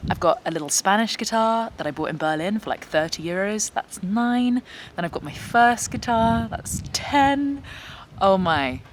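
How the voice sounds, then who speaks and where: In a casual Q&A vlog, a young adult singer-songwriter and guitarist reads viewer questions aloud and answers them with self-deprecating humour. Her voice is medium-pitched with lively intonation at a normal speed, and there is slight background noise.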